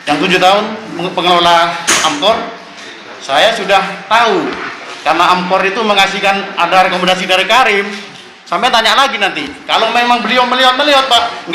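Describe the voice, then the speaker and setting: A man presses his complaint before a council, his voice sitting high and urgent. He tags almost every phrase with a respectful address while pushing his point. The sound is roomy and echoing, with clear background noise throughout the meeting room. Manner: insistent, repeats "Pak" after nearly every phrase. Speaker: villager complaining at a council hearing. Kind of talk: impassioned public complaint.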